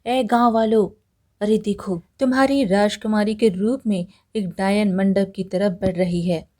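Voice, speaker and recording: Determined young woodcutter, urgent and loyal, voiced by a woman storyteller, warm tone. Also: medium pitch, steady tone, measured pace, lightly acted. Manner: urgent, pleading.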